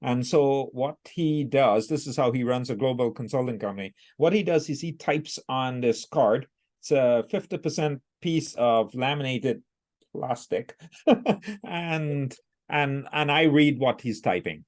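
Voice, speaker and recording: A man's voice: medium pitch, measured pace, a little mellow. A middle-aged man talking as a podcast guest, explaining things plainly in casual interview chat. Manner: plain, explanatory, some restarts. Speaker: guest, business owner.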